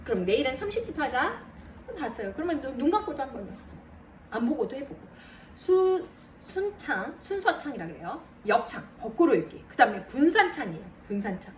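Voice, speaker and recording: A woman math tutor giving a lively lesson to parents, counting aloud and talking straight to mothers. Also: high voice, a little fast, far from the mic. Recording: roomy, a bit off-mic, faint noise.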